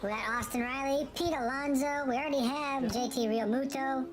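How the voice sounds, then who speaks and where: A man's voice: very high-pitched, fairly even intonation, moderate pace, music in the background, voice pushed up. A man streaming a baseball game while putting on a baby voice for fun. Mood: babyish. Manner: put-on baby talk for fun. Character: high babyish voice of a grown man. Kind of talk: casual game commentary.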